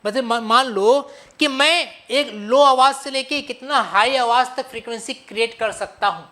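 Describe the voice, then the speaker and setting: A man's voice: extremely high pitch, moderate pace, pushed and bright. A young man giving a playful physics revision lecture, often asking his students questions and answering them himself. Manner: playful, calls students buddy and kids. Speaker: physics teacher.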